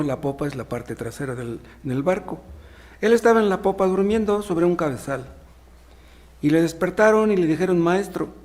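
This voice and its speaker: A man's voice: on the high side, darkish tone. A man preaching a sermon, reading Bible passages aloud and explaining them in plain words with rhetorical questions. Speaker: pastor.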